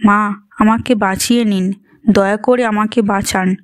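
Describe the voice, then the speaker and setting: A woman's voice: mid-range voice, fairly even intonation, measured pace, no echo, clean studio sound, lightly acted. A woman voicing a scheming young empress who pleads tearfully and desperately. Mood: pleading.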